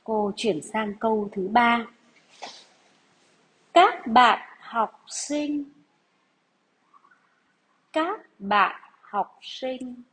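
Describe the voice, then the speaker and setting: A woman primary school teacher giving a dictation lesson to young pupils, deliberate and measured, repeating phrases. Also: on the high side, a bit bright, breathy edge, rough recording.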